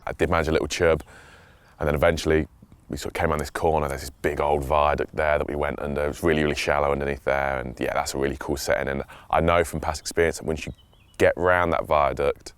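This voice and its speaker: Very deep-voiced man, relaxed and rambling. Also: clear, resonant tone, dry recording. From Switzerland. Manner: relaxed, enthusiastic, rambling with restarts. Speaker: angler. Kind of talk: casual outdoor chat and voice-over.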